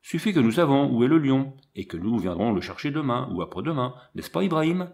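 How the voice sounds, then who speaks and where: A man reading an audiobook, voicing a calm soldier who talks low and deadpan. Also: a little fast. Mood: dry. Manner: low, deadpan, matter-of-fact. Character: calm, dry-witted soldier, adult man.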